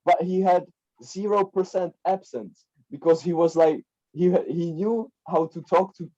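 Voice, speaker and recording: Speaking a little slowly in a high, mellow voice, a young Czech man guests on a podcast as a life coach, chatting casually with lots of repetition and fillers such as "like" and "right?". The recording is dull and lo-fi.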